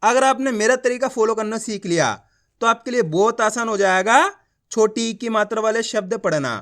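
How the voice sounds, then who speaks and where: A man teaches a reading lesson. He sounds out each letter slowly and keeps asking if learners follow along. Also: high voice, fairly bright tone. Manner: slow syllable-by-syllable drilling, asks learners to repeat along; often asks whether it is clear. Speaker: Hindi teacher.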